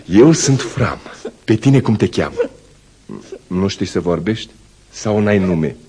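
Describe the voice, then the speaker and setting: An actor playing a kind, playful male circus polar bear who talks in a gentle, coaxing way. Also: on the low side, lively intonation, husky. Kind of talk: radio play acting.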